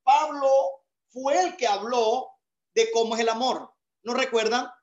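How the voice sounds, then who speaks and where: A male pastor preaching a sermon over a video call, emphatic and swelling into shouts. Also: very high voice, measured pace, lo-fi sound.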